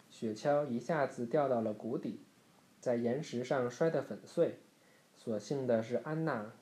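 A man reading a bedtime story aloud to a child in a gentle, steady narrating voice. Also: medium pitch. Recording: roomy echo.

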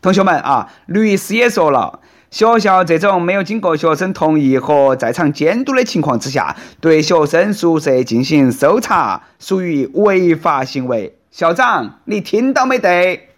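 A man hosts a news commentary in Sichuan dialect. His voice sits fairly high and swings up and down with great animation. He tells each story in a punchy, sarcastic, folksy style. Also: expressive, measured pace. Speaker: host of a news commentary show.

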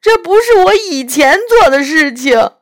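A weeping male faun pours out his guilt in a choked, sobbing voice, as a woman reading a storybook puts him on. The voice has an unusual, strained timbre and rises and falls a lot. The lines come slowly and heavily. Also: sits high, animated, fairly bright tone, pitched above the performer's own voice. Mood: pleading.

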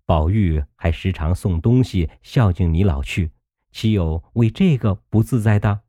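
A man voicing a young maid who soothes and flatters in a storybook reading. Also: low voice, measured pace, dry recording, clean studio sound. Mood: soothing.

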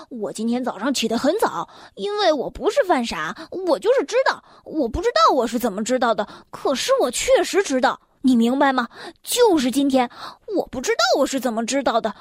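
A woman reading a children's story, voicing an excitable chatterbox man who rambles on without pause. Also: high-pitched, no echo, studio quality. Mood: excited.

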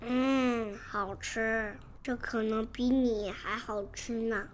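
A woman playing a gruff, slow T. rex. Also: mid-range voice, fairly even intonation, close to an everyday voice. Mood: pleased. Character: big gruff male T. rex softening to kindness.

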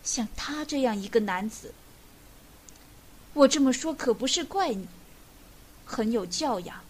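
A woman voicing a gruff old grandfather. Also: fairly high pitch, animated, unhurried. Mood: rueful. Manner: gruff, scolding, then gently soothing. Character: grumpy old grandfather, quick-tempered. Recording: echoey room with long reverb.

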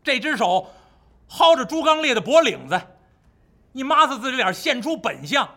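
Lively male storyteller. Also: very high voice, moderate pace. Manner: vivid, with sound effects. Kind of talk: traditional storytelling.

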